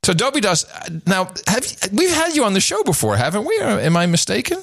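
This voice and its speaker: A man's voice: high voice, wildly swooping pitch, fast, vocal fry, fairly bright tone, no echo, studio quality. A man hosting a podcast in casual chat, jokey and laughing often, with rambling questions. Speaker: podcast host.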